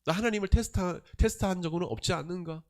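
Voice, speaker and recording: A male pastor preaching a sermon, emphatic, with rhetorical questions and swings between loud and soft. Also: sits high, fast.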